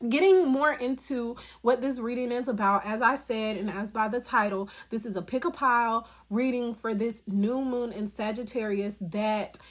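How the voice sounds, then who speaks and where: Woman doing a tarot vlog, voice still getting over the flu, kinda higher pitched, rambles with lots of ums. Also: moderate pace, few pauses. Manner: rambling, filler-heavy talk. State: voice recovering from flu. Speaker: tarot reader. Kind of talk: casual spiritual vlog.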